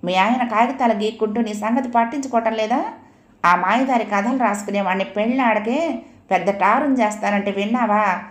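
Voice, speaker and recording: A woman's voice: on the high side, moderate pace, echoey room, lightly acted. A woman voicing an older mother over sixty who scolds and heaps curses. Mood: scolding.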